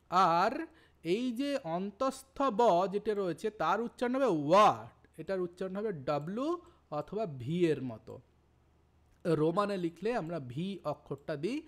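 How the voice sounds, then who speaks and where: A middle-aged man teaching grammar for an exam, explaining patiently step by step and repeating key points. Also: high voice. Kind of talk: exam-prep grammar lesson.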